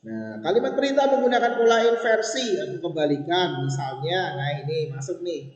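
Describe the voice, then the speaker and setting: A young male teacher explains a lesson in a patient, instructive way, often pausing to check that his pupils are following. His voice sits a little high, with long reverb ringing through the room. The recording is dull and lo-fi. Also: expressive. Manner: patient, instructive, repeats points and checks with students. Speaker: religious school teacher.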